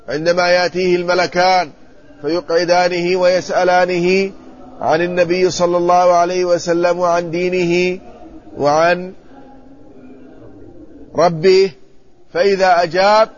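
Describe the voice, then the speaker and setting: A man, an Islamic scholar, giving a measured classroom commentary on hadith and checking the text with his students. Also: high voice. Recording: muffled lo-fi recording with faint ambience.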